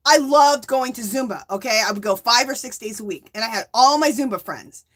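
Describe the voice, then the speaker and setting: A woman's slightly fast, somewhat bright voice, on the high side, leads a yarn crafting livestream. She talks casually with viewers, reads their comments aloud, laughs frequently, and emphatically punctuates lines with "okay?" and "Hello?".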